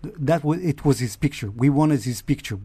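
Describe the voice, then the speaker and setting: A man, a journalist, recalling events in a halting way with restarts. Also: medium pitch, mellow, husky, dry recording. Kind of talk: casual interview recollection.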